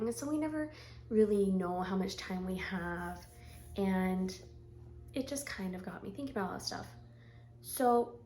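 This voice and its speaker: A woman in her forties chatting casually to camera about her stitching, rambling with frequent ums and throat clearing. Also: medium pitch. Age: 40s. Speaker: stitching vlogger.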